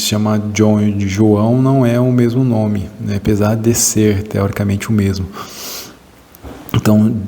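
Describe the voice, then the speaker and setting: A Brazilian man with a Brazilian Portuguese accent lecturing to a class, his low voice full of gravelly fry. He talks haltingly, restarting phrases and tagging them with little questions. The sound is mellow and dark, with a long hall reverb trailing behind it. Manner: halting, many restarts and "né?" tags. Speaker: teacher.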